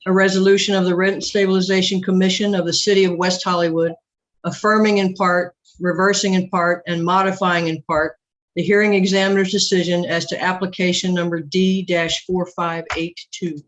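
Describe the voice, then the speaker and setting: A commissioner reading out a formal motion in a flat, formal way. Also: mid-range voice, moderate pace, low-quality recording.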